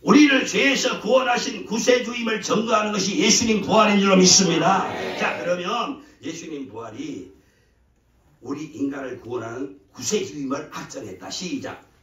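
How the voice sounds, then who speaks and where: A male pastor preaching a sermon in a lively, conversational way, having the congregation repeat his words in call-and-response. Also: high voice, normal speed, noisy background. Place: church sanctuary. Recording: echoey church hall, mic at a distance.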